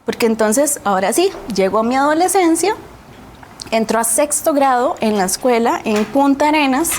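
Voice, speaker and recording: Earnest Costa Rican woman, slightly high voice. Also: animated, moderate pace, a little mellow, a little hiss or hum. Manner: earnest, reflective, often adds a questioning tag. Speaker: guest. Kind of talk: personal storytelling in a TV interview.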